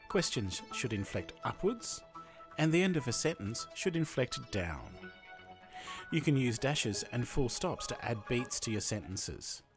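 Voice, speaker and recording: A man from Australia hosting a software tutorial voice-over, explaining each step in a chatty way. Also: medium pitch. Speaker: tutorial host. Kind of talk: screen-recording tutorial voice-over.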